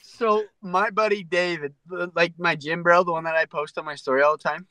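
A young man on a podcast telling a crude story in casual banter, with quick interjections and swearing. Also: on the high side, steady tone, sharp tone, slight background noise, poor audio. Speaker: podcast co-host.

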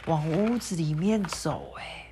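A woman reads a children's story aloud, gentle and sing-song. She rises and dips to voice the characters as she goes. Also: sits low, very animated, slow pace, a little hiss or hum.

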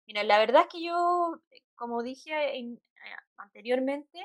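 A woman from Chile with a Chilean Spanish accent, a psychologist chatting as a guest, with many fillers and soft laughs. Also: sits high, expressive, measured pace, no echo. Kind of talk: casual interview chat.

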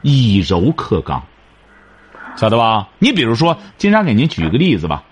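A man's voice: medium pitch, huge pitch swings, moderate pace, breathy edge. A man hosting a radio advice show, lecturing a caller in an emphatic, repetitive way.

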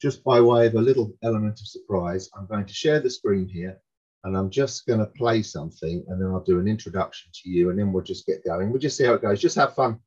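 A man's voice: lowish voice, quick pace, darkish tone, husky. An older man hosting a casual interview over a video call, chatty and loose, swearing freely and laughing easily. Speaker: podcast host. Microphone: condenser mic over a video call. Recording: dull lo-fi video call audio.

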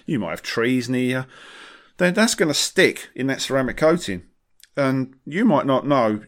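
A man's voice: medium pitch, lively intonation, normal speed. A man chatting casually as a podcast host, wry and jokey, using British slang. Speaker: podcast host and car detailer.

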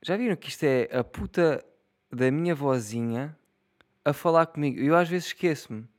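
A man's voice: fairly high pitch, lively intonation, normal speed. A young man in his twenties with a European Portuguese accent, rambling and joking in a casual solo monologue, swearing freely and laughing at his own jokes. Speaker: solo podcaster.

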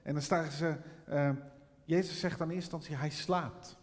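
A man's voice: a little high, steady tone, normal speed, long reverb tail. A middle-aged man preaching a sermon, telling a personal story and then rising into fervent preaching. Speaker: pastor.

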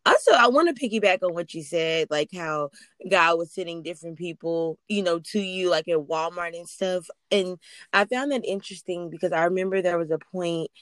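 A woman hosting a faith-based podcast interview, telling her stories in an animated way. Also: fairly low pitch, a little fast, no room sound. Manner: animated storyteller, acts out quotes. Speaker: podcast host.

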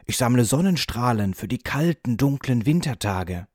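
A man reading a storybook aloud and voicing a calm, dreamy male field mouse poet who speaks gently and recites verse unhurriedly. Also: medium pitch, moderate pace, no room sound, clean studio sound, pitched above the performer's own voice, close to an everyday voice. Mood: gentle.

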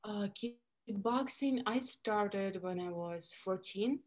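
A Russian woman in her thirties, speaking with a Russian accent in a medium-pitched, slow voice. She's a guest in a casual interview, telling stories in an animated way and using plenty of fillers.

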